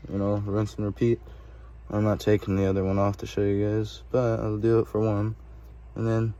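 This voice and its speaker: Holding his phone camera while he works, a DIY video presenter talks through a hands-on tutorial in a lowish, mellow voice. His manner is rambling and informal, with some mild profanity, and the phone recording is clearly noisy with ambient sound.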